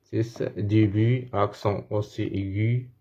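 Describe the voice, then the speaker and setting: Slow deep-voiced teacher. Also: male voice, fairly even intonation, mellow, slightly rough. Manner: slow, repeats and restarts words while explaining. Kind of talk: classroom grammar lesson. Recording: dull lo-fi recording.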